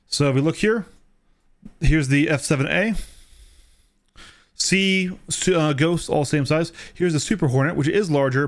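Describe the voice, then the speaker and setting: A man streaming a game, explaining things step by step in a casual way and often checking in with "right?" and "okay?". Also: mid-range voice.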